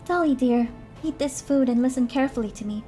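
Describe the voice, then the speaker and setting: A woman's voice: high-pitched, a little fast, mellow, faint music behind, pitched above the performer's own voice, close to an everyday voice. A woman voicing a polite, frightened young girl who pleads for help, for a storybook reading. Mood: pleading.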